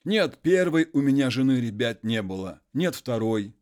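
A man doing a high, pleading peasant. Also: sing-song, darkish tone, close to an everyday voice. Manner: folksy, drawn-out pleading speech.

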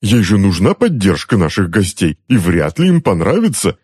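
A man's voice: low-pitched, very animated, moderate pace, darkish tone, breathy edge, no echo, clean studio sound, heavily acted. A man voicing a pampered middle-aged uncle under a curse, who whines, pleads and wails in a raised, strained voice. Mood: desperate. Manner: whining, pleading, wailing. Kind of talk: audiobook character voice.

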